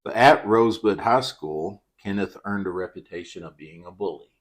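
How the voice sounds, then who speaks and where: Deep-voiced guy cohosting a true crime podcast, dry deadpan storytelling. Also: normal speed. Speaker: podcast co-host.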